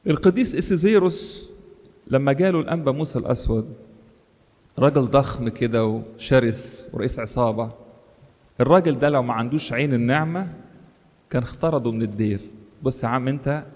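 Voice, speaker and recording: Egyptian preacher in a reverberant hall. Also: male voice, brisk, long pauses. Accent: Egyptian Arabic. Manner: animated, rises in pitch for quoted voices and emphasis. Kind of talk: sermon.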